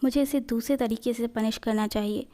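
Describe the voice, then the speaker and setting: A woman's voice: fairly high pitch, fairly even intonation, brisk, warm tone, lightly acted. A woman voicing a cruel, possessive young man in a storybook reading, speaking harshly and giving orders. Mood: cold. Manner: harsh and commanding.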